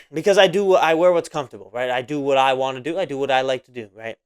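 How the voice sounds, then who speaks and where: This twenty-something man's solo podcast monologue is loose and repetitive, packed with filler words. He speaks at a quick pace in a medium-pitched, clear and resonant voice.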